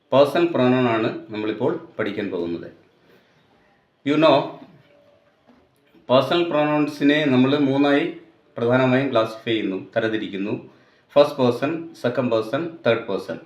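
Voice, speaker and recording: A man with a Malayali accent teaching English grammar, explaining slowly and deliberately and mixing English terms into Malayalam. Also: medium pitch. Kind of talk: grammar lesson. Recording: echoey room, dull lo-fi sound.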